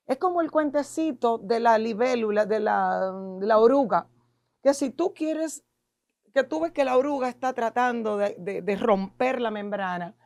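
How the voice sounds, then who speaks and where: A woman's voice: a little high, darkish tone, no room sound, clean studio sound. Emphatic Dominican woman guest, lecturing. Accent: Dominican Spanish. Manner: emphatic, lecturing with rhetorical questions. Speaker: guest expert in neuro-linguistic programming. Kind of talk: podcast interview explaining to an audience.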